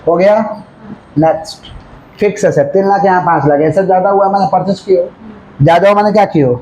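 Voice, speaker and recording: High-voiced man teaching a class. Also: steady tone, mellow, slight background noise, low-quality recording. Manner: repeatedly checks understanding with questions; dictates slowly, then rattles off explanations. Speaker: commerce teacher. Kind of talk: classroom lecture.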